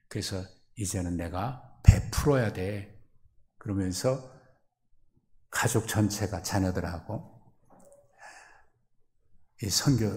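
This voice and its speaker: A middle-aged male pastor preaching a sermon, acting out imagined quotes in sudden loud, high bursts.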